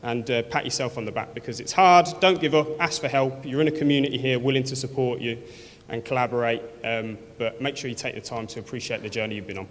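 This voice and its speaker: Speaking fast in a slightly bright, medium-pitched voice, a Birmingham man with the local accent addresses an awards event earnestly, often restarting and using fillers. Long reverb from the big event hall surrounds him.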